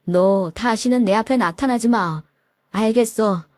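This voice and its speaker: A woman's voice: on the high side, measured pace, a little mellow, dry recording, studio quality, close to an everyday voice. A woman voicing a haughty, scornful wealthy wife who talks down with sneering commands. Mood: contemptuous.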